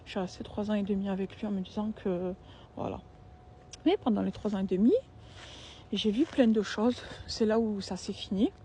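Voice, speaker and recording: A woman's voice: medium pitch, fairly even intonation, normal speed, warm tone, a little hiss or hum. Slangy young woman. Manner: slangy, repetitive, emphatic. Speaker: storyteller. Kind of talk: casual storytime vlog.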